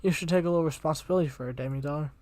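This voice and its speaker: A woman's voice: low voice, very fast, warm tone, no echo, natural voice. A man voicing a cheerful, teasing teenage girl who leads a school club, in his own plain voice.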